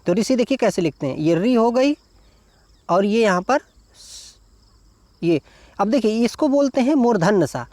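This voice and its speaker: A man's voice: high-pitched, lively intonation, measured pace, pauses often, a little mellow, no echo. A male teacher giving an exam-prep lesson, explaining each answer step by step and spelling words out syllable by syllable. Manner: explains step by step, repeats "देखिए" and "ठीक है".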